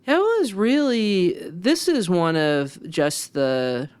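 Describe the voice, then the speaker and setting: A middle-aged woman, a philosophy professor, telling stories in a lively, casual way as a podcast guest. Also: lowish voice, slow, no echo. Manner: animated, lively storytelling with restarts. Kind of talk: casual storytelling interview.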